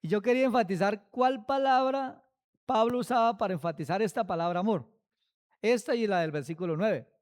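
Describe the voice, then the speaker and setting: A man preaching at a Bible study. He speaks slowly and with emphasis, asking many rhetorical questions. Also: sits high, darkish tone, clean tone.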